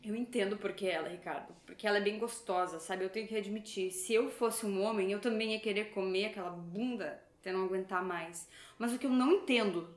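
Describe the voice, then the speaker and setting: A woman's voice: sits high, big pitch swings, normal speed, fairly bright tone. A woman acting a bitter, sarcastic wife who accuses her husband. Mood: taunting. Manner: sarcastic and cutting, bursting into screams. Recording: roomy sound with guitar music.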